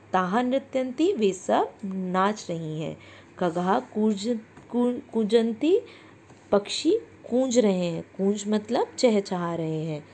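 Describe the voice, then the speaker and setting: A woman teacher speaks slowly and deliberately, addressing the children directly as she explains each example in turn. Her voice is mellow and warm. Faint noise sits in the background. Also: mid-range voice. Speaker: Sanskrit teacher. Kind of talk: classroom lesson explaining sentences.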